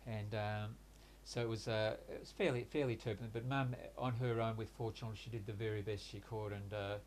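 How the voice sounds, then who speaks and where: Looking back over his life in a reflective interview, a man in his sixties speaks in a fairly low, flat and even voice. He halts and hesitates, pausing and restarting frequently. Originally Hungarian, with Hungarian as his mother tongue, he was raised in Australia, and slight background noise is present.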